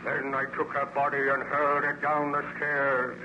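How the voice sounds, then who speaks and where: An actor playing a vengeful, contemptuous man-made monster in an old-time radio horror serial, declaiming slowly and grandly. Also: mid-range voice, flat delivery, lo-fi sound, close to an everyday voice. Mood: gloating. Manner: slow, menacing, grandiose archaic declamation. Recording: noisy, band-limited old radio recording.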